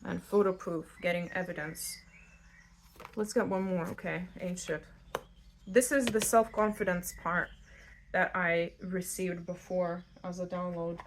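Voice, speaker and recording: Speaking low and unhurried, a Lithuanian woman gives an unscripted tarot reading on her own channel, addressing the listener directly in a blunt, chatty way. She records indoors at home in a new-build house, with slight background noise.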